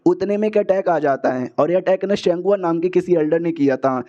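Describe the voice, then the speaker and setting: A man's voice: high voice, fairly quick, warm tone. A man casually retelling a comic story in a slangy, chatty way, heard as a dull lo-fi recording. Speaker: manhwa recap narrator.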